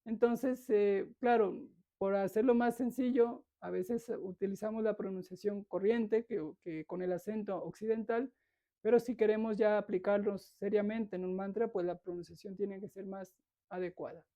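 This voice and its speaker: A woman's voice: medium pitch, fairly even intonation, normal speed, mellow. A woman, patiently lecturing a yoga philosophy class and demonstrating pronunciation.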